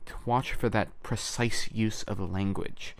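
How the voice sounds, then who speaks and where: Brief: male narrator, lowish voice, measured reading for a fan audiobook. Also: steady tone, gravelly, no echo. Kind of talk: scripted narration.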